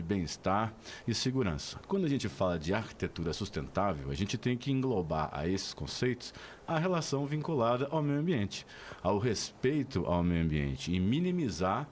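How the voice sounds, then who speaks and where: A middle-aged man speaks as a radio guest, his voice very deep. He explains his field in a formal, measured, lecturing way, with a faint hiss of noise beneath him. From Araxá, Minas Gerais, Brazil. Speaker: architect and university lecturer, guest. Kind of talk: radio interview.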